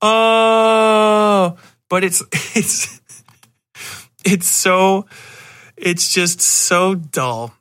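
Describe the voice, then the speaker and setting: His voice sits high and comes out extremely slowly, with long pauses and a fairly bright, clean tone. As a podcast host covering horror films, he offers a casual, rambling review that's blunt, profane and sardonic, with exasperated asides.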